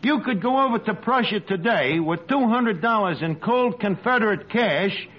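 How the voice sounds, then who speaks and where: An actor playing a brash, pompous tavern manager in a 1950s radio comedy, orating combatively. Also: male voice, high-pitched, expressive, moderate pace. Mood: pompous debating. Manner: mock-oratorical, combative. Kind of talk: 1950s radio sitcom acting. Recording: muffled old radio recording with studio audience.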